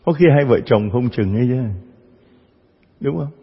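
Gravelly-voiced priest preaching in a church. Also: male voice, mid-range voice, lively intonation, normal speed. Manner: storytelling, acts out parishioners' voices. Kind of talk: sermon. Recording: dull sound with long church reverb.

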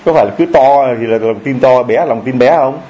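A man preaching a sermon in a lively, joking way, often asking the congregation questions. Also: medium pitch, brisk, muffled recording. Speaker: priest.

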